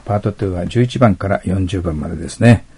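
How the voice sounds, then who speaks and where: A man teaching test-prep English in a chatty explanatory lecture, with frequent rhetorical checks on his listeners and English example sentences read out slowly and deliberately. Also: sits low, a little mellow, breathy edge.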